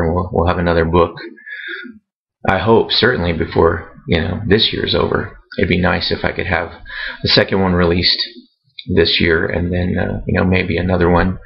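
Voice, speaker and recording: A man talking casually to his readers in a vlog, halting and rambling with many fillers and restarts. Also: low voice, gravelly, muffled recording. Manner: self-conscious about speaking on camera. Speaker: author vlogging to readers.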